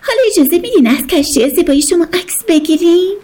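A woman voicing an eager, childlike winged creature who loves taking photos, talking in a bubbly, fast, pleading way. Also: very high voice, lively intonation, darkish tone, voice pushed up. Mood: flattering.

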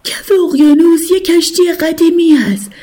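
A woman voicing the biggest, oldest dolphin, a kind and wise creature who explains things gently and patiently. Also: extremely high pitch, pitched above the performer's own voice.

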